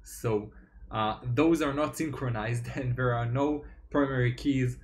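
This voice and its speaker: A young man, a software developer, giving a tech talk over slides, explaining step by step with frequent fillers. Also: medium pitch, steady tone, measured pace, slight background noise.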